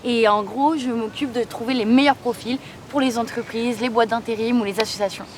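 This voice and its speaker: A woman's voice: a little high, steady tone, a little fast, close to an everyday voice. An actress in her twenties playing a brash, ambitious recruiter in a web drama, boastful and insistent in casual slang. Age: 20s. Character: brash, ambitious, self-assured young female recruiter. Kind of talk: naturalistic screen drama dialogue. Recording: clearly noisy location recording.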